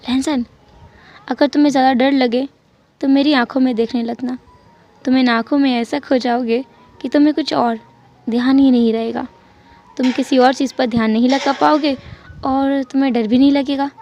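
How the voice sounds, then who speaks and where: A woman voicing a calm young man who gently teases his nervous friend, in a storybook reading. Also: sits high, moderate pace, long pauses, lo-fi sound, faint music behind. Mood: teasing. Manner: soft, teasing.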